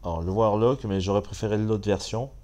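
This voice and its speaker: Talking a little fast in a fairly low voice, a man with a French accent and a stuffed-up head cold casually comments on a mobile game. He hosts a gaming channel and sounds relaxed and chatty, with many fillers.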